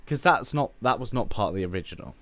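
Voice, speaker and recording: A man's voice: lowish voice, animated, fast talker, a bit bright. A hungover man from the UK, streaming casual film commentary, blunt and profane as he rambles through his rankings. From United Kingdom.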